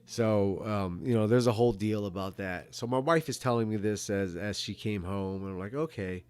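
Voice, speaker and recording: A middle-aged man in a casual, rambling monologue as a video host, halting and repeating words, with some casual swearing. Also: lowish voice, darkish tone, smooth, no room sound. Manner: casually foul-mouthed. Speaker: video host answering viewer questions.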